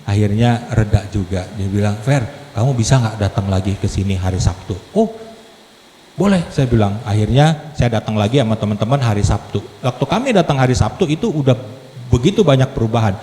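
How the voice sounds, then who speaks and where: A man giving a lively testimony sermon in a church hall, telling his story with humor and acted quotes. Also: on the low side, a little fast, slight background noise. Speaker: lay preacher giving a testimony. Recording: echoey hall with long reverb.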